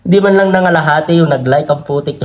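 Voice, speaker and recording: This man's voice is a bit high and somewhat dark, and he talks quickly with a Filipino accent. It's easygoing political commentary caught on a camera mic, with lots of laughs, many tag questions, and comments read aloud from the screen.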